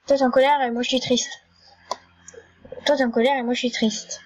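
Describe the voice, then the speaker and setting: The audio sounds dull as a high-voiced female gaming YouTuber gives loose, eager commentary on an online game. She stammers, starts over, and says things again and again.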